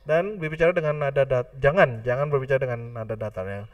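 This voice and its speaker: A man with an Indonesian accent giving a class lecture, mixing English phrases into his talk and pausing often on fillers. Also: medium pitch, no echo, recorded from a distance.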